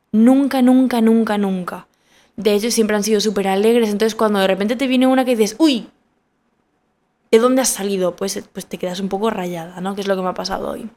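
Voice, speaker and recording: A young woman in her twenties with a Spanish accent from Spain, hosting a podcast and telling a story in a casual, animated way with emphatic repetition. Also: a little high. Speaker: podcast host.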